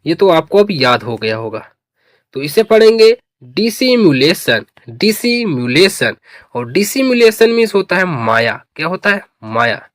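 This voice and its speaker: A man's voice: high-pitched, very animated, moderate pace, dry recording, clean studio sound. A man teaching English spelling, reading each word letter by letter, then asking his students to say it back. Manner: spells words letter by letter and asks students to repeat. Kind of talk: slow spelling lesson.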